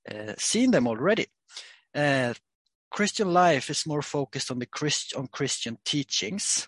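A man's voice: mid-range voice, fairly bright tone, no room sound. Man hosting a podcast, dry sound. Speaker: podcast host. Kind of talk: podcast interview.

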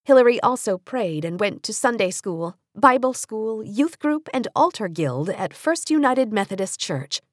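Close to a studio microphone, a slightly high-voiced American woman reads nonfiction aimed at young audiences. She narrates with measured, precise articulation and an expressive, story-like delivery, and there's no echo.

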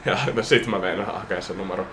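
Young man telling an animated story, echoey room. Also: sits low, slight background noise. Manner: animated, acts out quotes, swears a lot. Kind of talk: casual storytelling chat.

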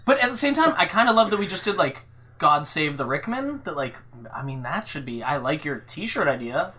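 A man hosting a podcast, chatting enthusiastically and telling a quick story to his co-host. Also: on the high side, very animated, pushed and bright. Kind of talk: casual banter.

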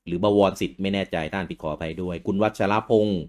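A man's voice: deep voice, steady tone, fast talker, darkish tone. Thai male livestream host, casual, greets viewers by name, trips over hard names.

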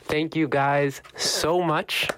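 A man's voice: on the high side, steady tone, takes it slowly, a crowd in the background. A man hosting a casual podcast interview in a studio and wrapping up the show. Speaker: podcast host.

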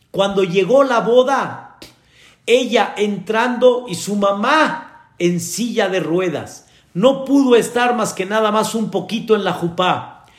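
A man, a rabbi giving an earnest sermon told as a story to his congregation. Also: high-pitched. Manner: earnest preacher addressing the congregation directly. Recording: echoey room.

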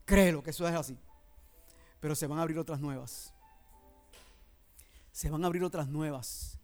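A man's voice: fairly high pitch, steady tone, normal speed, darkish tone, soft background music. A male pastor preaching a sermon, emphatic and repetitive, often turning to address the congregation directly.

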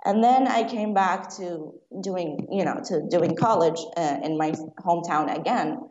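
Lively, quick-talking woman from Saudi Arabia. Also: lowish voice. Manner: quick, lively, laughs often while talking. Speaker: screenwriter guest. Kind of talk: conversational interview. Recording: roomy, dull sound with faint noise.

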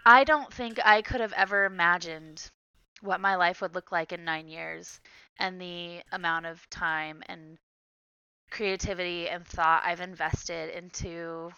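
A woman co-hosting a podcast in casual chat, retelling favorite scenes with lively laughs. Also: fairly low pitch, unhurried, clean tone, no echo, muffled recording. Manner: laughs often, animated retelling. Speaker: podcast co-host.

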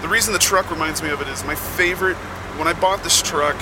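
A man hosting a podcast as a casual, rambling, halting monologue from inside the cab of a truck. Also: on the high side. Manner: slow, halting delivery with many pauses. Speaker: podcast host; touring musician. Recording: loud vehicle noise in truck cab. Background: loud vehicle and air noise.

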